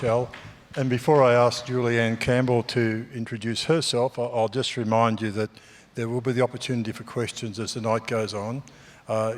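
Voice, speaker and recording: A man, a former newspaper editor, moderating a panel discussion on a theatre stage and speaking in a measured way with frequent ums and uhs. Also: mid-range voice. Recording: theatre hall reverb.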